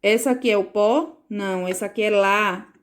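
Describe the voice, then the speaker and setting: A woman's voice: mid-range voice, normal speed. A woman teacher recording a home lesson for parents, patiently explaining and checking in with frequent questions.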